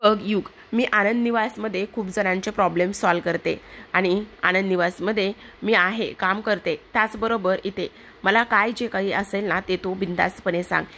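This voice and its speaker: A woman reading out the lines of a caring, patient young sister-in-law who coaxes and pleads gently, in a TV serial recap. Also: mid-range voice, fairly even intonation, normal speed. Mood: coaxing. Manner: coaxing, pleading.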